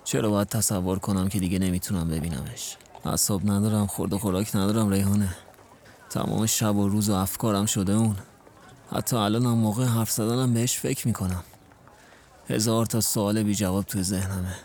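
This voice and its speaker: A man's voice: lowish voice, steady tone, a little mellow, a little hiss or hum. A young man narrating his own story in an audio drama and speaking as its distraught, heartbroken lead. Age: young adult.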